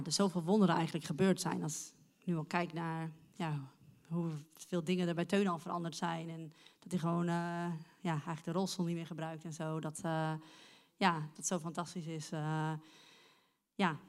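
A middle-aged woman giving a personal testimony at church. She speaks reflectively and often says "ja" as she gathers her thoughts. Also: lowish voice. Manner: reflective, with frequent "ja".

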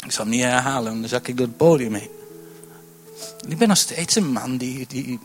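A man preaching a sermon from a church stage, impassioned and building to near shouting, often repeating words as he starts a sentence. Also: medium pitch, normal speed, soft background music. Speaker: pastor.

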